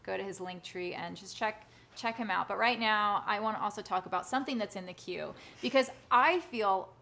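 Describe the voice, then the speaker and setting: A woman hosting a live social-media conversation, talking fast and in a bubbly way. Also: medium pitch, creaky, a bit bright. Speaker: host.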